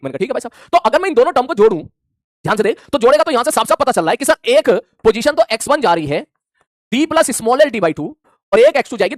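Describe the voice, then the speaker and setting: A male physics teacher speaking fast. His voice swings up and down a lot. It sounds dry and close, no room echo, and he acts out student replies as he explains. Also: very high-pitched. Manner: animated, plays out imagined student replies. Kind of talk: classroom lecture.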